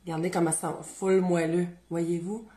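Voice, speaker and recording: A woman's voice: lowish voice, moderate pace, reverberant. A woman with a Beauce Quebec French accent, hosting a casual cooking demonstration in her home kitchen and chatting to viewers as she tastes. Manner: chatty, animated, talks to viewers while tasting. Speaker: cooking show host.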